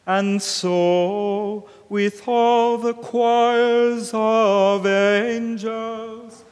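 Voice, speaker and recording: A priest intoning the liturgy slowly and solemnly in a large church, his voice ringing with cathedral echo. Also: high voice, fairly even intonation, a little mellow, smooth. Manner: slow, solemn sung intoning. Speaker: priest leading a service. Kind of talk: chanting and speaking liturgy. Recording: long church reverb, faint organ music.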